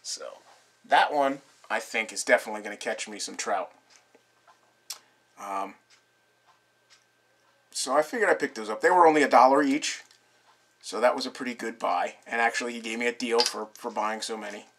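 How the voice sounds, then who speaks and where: A young man casually showing off his fishing tackle on his channel, talking in a relaxed, rambling way with lots of fillers. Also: medium pitch, normal speed, pauses often. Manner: relaxed, rambling with many fillers, laughs softly. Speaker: fishing vlogger. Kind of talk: casual show-and-tell. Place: living room, seated on a couch indoors. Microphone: camera mic at close range.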